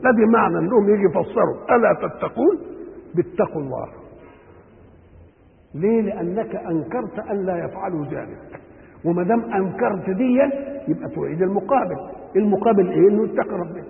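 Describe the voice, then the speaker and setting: Gravelly high-voiced Egyptian preacher. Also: male voice, expressive, fast talker. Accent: Egyptian Arabic. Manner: asks the audience rhetorical questions and answers them himself. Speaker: Quran teacher. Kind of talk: explaining scripture to an audience. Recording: echoey hall, tinny phone-like sound.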